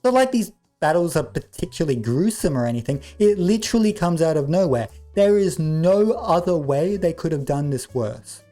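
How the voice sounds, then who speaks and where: A man's voice: on the high side, expressive, moderate pace, few pauses, mellow. Give me a sarcastic, swearing man tearing into a movie, with faint music behind him. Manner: sarcastic, exasperated, swears often. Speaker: movie reviewer. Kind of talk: comedic review commentary.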